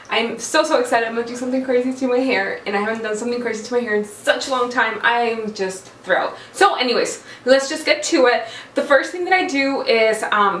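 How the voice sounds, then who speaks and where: Echoey, higher-voiced woman chatting to camera. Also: a bit bright. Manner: chatty, informal, self-deprecating. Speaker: hair vlogger. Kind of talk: casual chat to camera, tutorial. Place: echoey cramped room indoors, standing. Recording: very echoey small room, far mic, faint noise.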